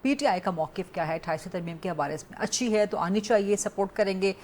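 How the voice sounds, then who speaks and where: A woman's voice: mid-range voice, a little mellow. Probing female talk show host. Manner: probing, challenging interruptions. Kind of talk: political talk show interview.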